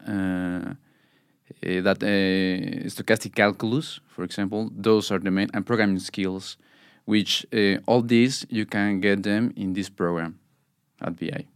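Smooth-voiced Mexican man explaining. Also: fairly low pitch, no echo, studio quality. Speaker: student guest. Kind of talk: casual interview answers.

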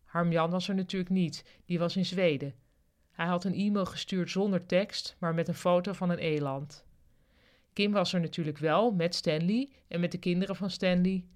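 A podcast host reading a novel chapter aloud in a calm, plain storytelling way into a studio microphone. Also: mid-range voice, normal speed. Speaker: podcast reader and author.

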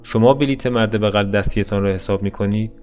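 A man voicing a gruff, impatient bus driver who talks brusquely, in a storybook reading. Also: fairly low pitch, a little mellow, faint music behind, lightly acted.

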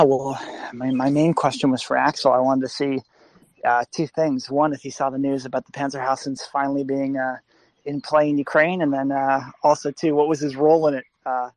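A man talks over a phone line from his car as he drives, his pitch holding flat and even. His questions halt on fillers. The sound is close and dry, with no room behind it. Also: no room sound. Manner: halting, filler-heavy questions. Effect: phone call from a moving car. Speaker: caller in an online audio discussion. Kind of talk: casual chat.

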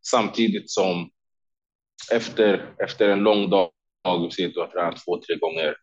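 Swedish guy, deep voice, chatty podcast guest acting out what people said, kinda dull lo-fi sound. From Sweden. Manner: animated, quotes himself and others in lively bursts, laughs often. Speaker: podcast guest, former kickboxing world champion. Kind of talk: casual storytelling interview.

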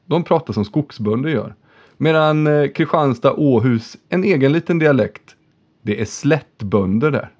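A man's voice: medium pitch, lively intonation, a little mellow. Chatty man hosting a podcast, lo-fi. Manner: chatty, joking, swears casually. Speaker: podcast host. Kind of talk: casual podcast chat.

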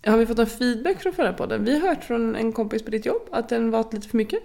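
A woman's voice: on the high side, creaky, darkish tone. A woman co-hosting a casual podcast, a chatty, giggly storyteller. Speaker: podcast co-host. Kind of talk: casual chat.

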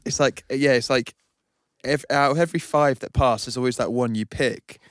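A man's voice: mid-range voice, fairly even intonation, normal speed, no echo, studio quality. Easygoing male podcast co-host in his forties. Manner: easygoing, laughs along, riffs on jokes. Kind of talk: casual chat.

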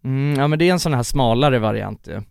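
A young man telling a story in casual chat, animated, acting out the people he quotes. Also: medium pitch, creaky, clean tone, dry recording, clean studio sound. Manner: animated, acts out quoted voices, many restarts. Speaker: podcast co-host.

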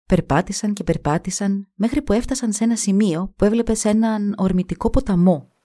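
A woman's voice: mid-range voice, warm tone. A woman narrating a folk fairy tale expressively, giving each character a voice of her own. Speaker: storyteller.

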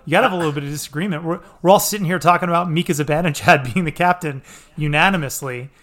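A man's voice: on the high side, rapid-fire, a bit bright. A man hosting a casual sports podcast, easygoing and moderating, rambling a little with fillers. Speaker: podcast host.

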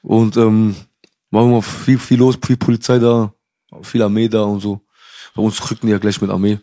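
A man's voice: fairly low pitch, level tone, moderate pace, warm tone. Slangy young man from Cuba. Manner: slangy street talk, calls the host bro. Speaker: guest. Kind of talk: casual storytelling.

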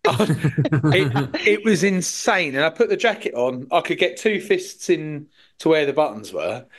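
A British man talks casually with a slightly raised pitch. He is blunt and swears freely, piling on exaggeration as he goes. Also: very animated, measured pace. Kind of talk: casual chat.

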